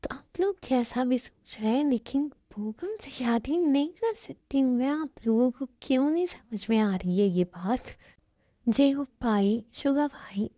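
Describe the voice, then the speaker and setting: A defiant, tearful young woman pleads with her family, her voice fairly high and mellow, as a woman narrator puts her on. The sound is close and dry, with no room around it, told as an amateur fan-dub story. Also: no room sound. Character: young woman in love, tearful, refusing arranged marriage.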